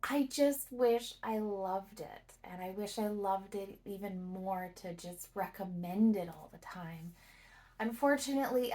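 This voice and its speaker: A woman reviews a book to camera in a casual, reflective way, speaking thoughtfully in phrases broken up by pauses. Her voice is medium-pitched with a darkish tone.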